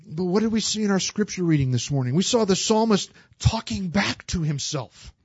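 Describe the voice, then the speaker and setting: High-voiced earnest male pastor preaching. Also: animated, normal speed, slightly rough, dry recording. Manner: earnest, emphatic, with frequent restarts. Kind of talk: sermon. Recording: slightly dull, dry recording.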